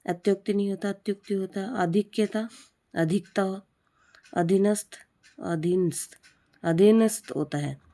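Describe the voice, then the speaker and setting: A woman teaching Hindi spelling for an exam, slowly repeating the wrong and the right form of each word. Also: medium pitch, dark tone. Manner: slow, repetitive drilling of correct forms. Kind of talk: spelling lesson for exam prep.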